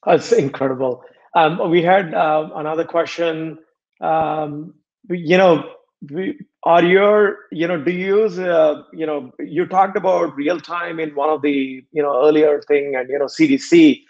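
A man's voice: on the high side, steady tone, measured pace, vocal fry, a little mellow. Hesitant man on dull video-call audio. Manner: hesitant, many fillers. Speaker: host, interviewer. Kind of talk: video call interview questions. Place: home room indoors. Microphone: webcam on video call.

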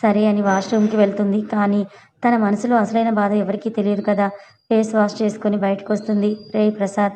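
A woman storyteller reads a serialized drama aloud in a steady, even way. Her voice is mellow and dark-toned, with little rise and fall, and a faint hiss runs under it. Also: medium pitch, fairly quick, poor audio. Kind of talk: scripted serial story narration.

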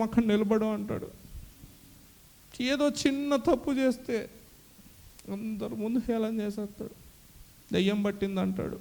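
A man's voice: very high-pitched, gravelly, darkish tone. A young man giving an emotional church testimony, acting out the dialogue he recalls. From Kadapa, Andhra Pradesh. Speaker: testimony giver.

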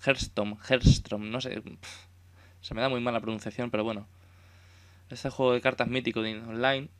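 A man's voice: medium pitch, flat delivery, moderate pace, fairly bright tone, clear, resonant tone. A young man with a Spain Spanish accent, commentating his own gameplay casually, swearing and exclaiming at the game. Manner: swearing, exclamatory, self-mocking. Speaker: gaming YouTuber.

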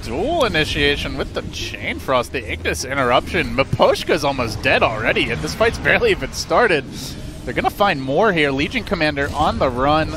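A man giving excited play-by-play commentary on an esports match. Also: on the high side, moderate pace, over music. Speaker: play-by-play caster.

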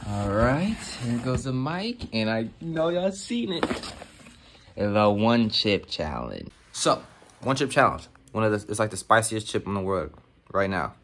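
A young American man with a fairly low voice talks casually into his phone. His delivery is slangy and offhand, peppered with bro and man. The handheld recording has clear background noise. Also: very animated, measured pace, a bit bright. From Texas, United States. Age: young adult. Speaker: vlogger. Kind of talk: casual vlog chat. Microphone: phone at arm's length.

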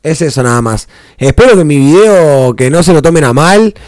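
A man's voice: fairly high pitch, animated, moderate pace, a little mellow, no echo. A man with an Argentine accent, hosting a reaction video in a casual, rambling way, heavy on slang and restarts. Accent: Argentine Spanish. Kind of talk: casual commentary.

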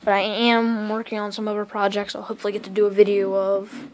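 A woman giving a casual, rambling tour of her home electronics workshop, talking quickly and interrupting herself as she films with a handheld phone. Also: medium pitch, completely flat delivery, noisy background. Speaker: electronics hobbyist vlogger. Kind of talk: casual unscripted shop tour. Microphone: handheld phone camera.

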